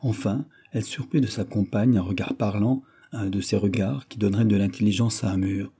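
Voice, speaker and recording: Dark, husky-voiced male audiobook narrator. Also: fairly low pitch, steady tone, brisk. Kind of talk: audiobook reading.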